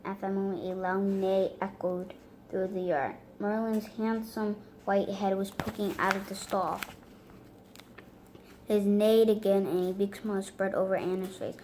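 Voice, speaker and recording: A woman reads a children's fairy book aloud at an ordinary pitch. Her reading halts over words and restarts them. A faint hiss sits under the voice. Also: flat delivery, warm tone, rough recording. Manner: halting reading with misread words. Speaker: reader.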